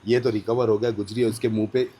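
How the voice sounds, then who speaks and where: A man's voice: lowish voice, flat delivery, fast, warm tone, slight background noise. A man with an Indian accent, a goat farm owner, talking casually in an interview on his farm, emphatic and insistent in short clipped phrases.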